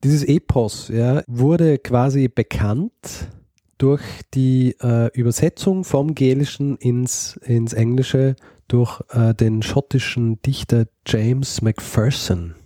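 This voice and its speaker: Mellow-voiced man telling history casually. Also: medium pitch, slow, dry recording, clean studio sound. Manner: hesitant, many fillers and restarts, laughs easily. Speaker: podcast co-host. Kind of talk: casual history podcast storytelling.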